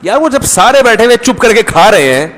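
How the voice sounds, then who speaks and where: High-voiced male cleric in a reverberant hall. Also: big pitch swings, a bit bright. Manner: conversational, anecdotal, acts out voices in stories. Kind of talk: storytelling religious talk.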